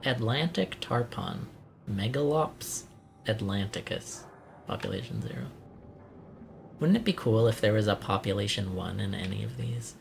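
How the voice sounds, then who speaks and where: A man's voice: fairly low pitch, sing-song, moderate pace, vocal fry, slight background noise. A man from Italy streaming a horror game, reading in-game text aloud and poking fun at himself in casual commentary. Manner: reads in-game text aloud, self-mocking. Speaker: let's play streamer.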